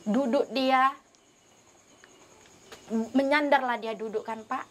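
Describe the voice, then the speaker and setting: Woman, high voice, emotional testimony, pleading, earnest. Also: steady tone, slow. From North Sumatra, Indonesia. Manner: earnest, pleading, acts out her prayers and dialogue. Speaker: interviewee giving a conversion testimony.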